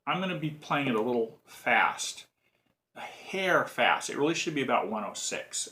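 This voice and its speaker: A man gives a relaxed, unscripted bagpipe lesson in a mid-range voice. He explains things in a rambling way, often stopping to restart his sentences. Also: medium pitch. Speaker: bagpipe teacher. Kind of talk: casual spoken music lesson.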